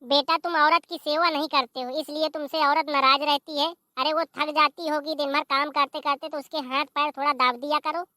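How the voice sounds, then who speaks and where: A meddling male friend visiting from abroad in a cartoon comedy, voiced by a performer, teasing the couple and giving advice. The pitch is extremely high and bright. The sound is dry and close-miked. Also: level tone, moderate pace, hardly any pauses, no echo. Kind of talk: animated comedy voice acting.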